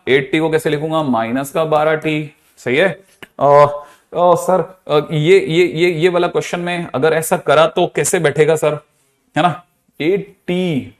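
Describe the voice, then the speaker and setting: A man teaching maths in a live online class, working a problem step by step in Hindi mixed with English terms, calling students by name and often asking if they follow. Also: fairly high pitch. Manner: calls out student names, quizzes often, reads steps aloud.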